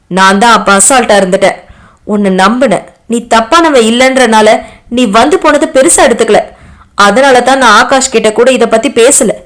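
A woman's voice: fairly high pitch, close to an everyday voice. A woman voicing a young man who pleads in a raised, emotional voice. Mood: bitter. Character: young man pleading, then angry and defiant.

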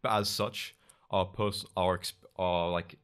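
A young man with a London accent and a low, fairly bright, clear and resonant voice tells his story as a guest on a podcast, speaking slowly with little pitch movement. His delivery is loose and rambling, full of restarts and fillers, captured on a boom mic on an arm in a small studio during a casual interview.

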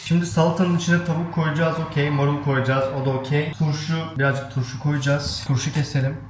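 A man's voice: on the high side, flat delivery, brisk. A man chatting playfully to his viewers as he makes a salad in his kitchen at home. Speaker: vlogger. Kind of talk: casual vlog chat. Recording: echoey room, noisy background.

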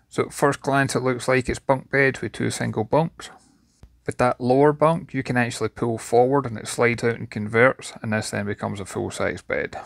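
A man's voice: mid-range voice, creaky, a bit bright, no room sound, clean studio sound. A man giving an enthusiastic walkthrough tour of a yacht's cabins and engine room, recorded inside the boat. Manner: enthusiastic, descriptive. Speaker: yacht reviewer.

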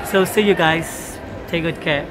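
A woman's voice: lowish voice, fairly even intonation, unhurried, heavy background noise. A tired young woman vlogging from a large indoor hall on a phone held at arm's length, talking hesitantly with many ums and uhs. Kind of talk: casual vlog update.

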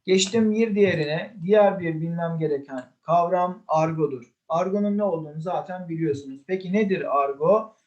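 A man's voice: a little high, normal speed, a little mellow, muffled recording. A man teaching a literature exam review, listing terms one by one and answering his own questions.

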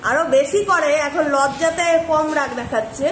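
A woman's voice: high voice, normal speed, echoey room, noisy background. A woman filming her dog at home, talking to it in coaxing baby talk and explaining to her viewers. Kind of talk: casual pet vlog narration. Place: indoors at home.

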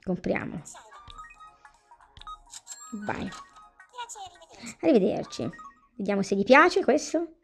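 Woman, gravelly texture, chatty game commentary over faint music. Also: mid-range voice, very animated, takes it slowly, long pauses. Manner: chatty, talks to game characters and viewers. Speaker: gameplay commentator. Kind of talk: casual gameplay commentary.

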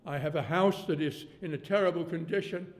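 An elderly pastor in his eighties delivers a rambling, folksy sermon in a church hall, his voice on the high side and a little fast, with sudden bursts of volume to drive home a point. Long church reverb trails his words.

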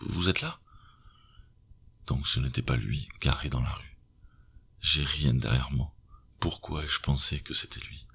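Male audiobook narrator, very deep, husky, gravelly, tense measured thriller read. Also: fairly even intonation, sharp tone.

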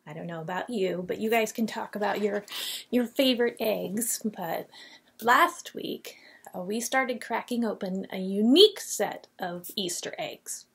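Unhurried and medium in pitch, this woman's voice is gravelly, a bit bright, and breathy at the edges. In her forties, she leads a Bible lesson for children over video, telling the story with feeling and reading scripture aloud, using a desk webcam in a small painted classroom office.

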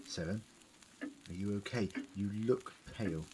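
An actor in an audio drama playing a clever, compassionate time-traveling Doctor who pleads urgently. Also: male voice, on the low side, unhurried, background noise, close to an everyday voice. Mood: measured, wary. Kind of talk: fan audio drama acting.

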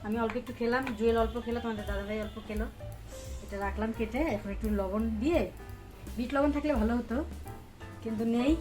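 A woman's voice: fairly high pitch, steady tone, quick pace, over music. A young woman vlogging casually, chatting to her viewers as she cooks and does housework. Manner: chatty, talks to viewers while doing chores; playful and laughing with her small son. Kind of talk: casual cooking and home vlog.

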